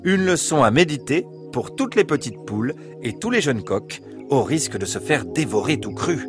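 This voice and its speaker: A man narrating a children's bedtime story in an expressive, dramatic storytelling manner. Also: mid-range voice, normal speed, over music.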